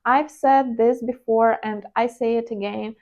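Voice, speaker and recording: Her pitch is fairly high and her intonation fairly even, with a measured pace and a slightly mellow quality, though the audio sounds dull. A native Ukrainian speaker with a Ukrainian accent, she is a trading vlogger reflecting candidly to her channel's audience in a confessional monologue, dotted with hesitant "uh"s.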